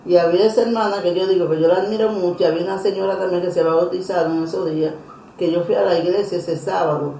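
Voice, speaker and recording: A woman's voice: lowish voice, steady tone, vocal fry, warm tone, slight background noise. Woman giving a heartfelt faith testimony. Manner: earnest, emotional storytelling with many pauses and restarts. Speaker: interviewee giving a religious testimony. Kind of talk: personal testimony interview. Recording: roomy echo.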